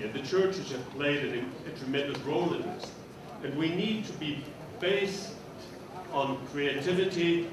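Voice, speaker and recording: Older man, earnest question in echoey hall. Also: on the high side. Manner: earnest, declarative, repeats "we need". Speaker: audience member asking a question. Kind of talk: spoken question at a panel. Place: conference hall audience, indoors. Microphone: handheld mic. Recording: echoey hall, distant mic, noise.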